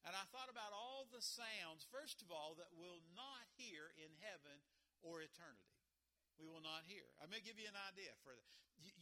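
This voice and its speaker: A man preaching a sermon, his voice high for a man and very bright. He talks in a folksy, homespun way, often repeating a word before going on and chuckling between points. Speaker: pastor.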